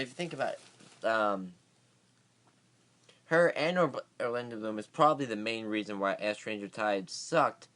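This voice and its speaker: A tired man chatting through a casual vlog movie review. He rambles, leans on fillers and restarts himself often. His pitch sits in the ordinary middle for a man. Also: fairly bright tone.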